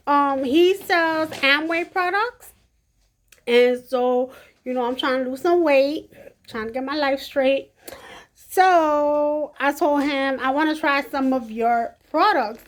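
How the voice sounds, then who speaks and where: A young adult woman chatting casually to her viewers in an unboxing vlog, excited and talking straight to the camera. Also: high voice. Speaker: beauty vlogger.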